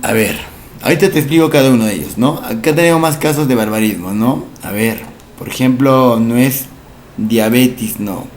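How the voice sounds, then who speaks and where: In a recorded entrance-exam lesson, a male language teacher explains slowly, repeats every word, and poses rhetorical questions. His voice is medium in pitch, with a slight hiss or hum.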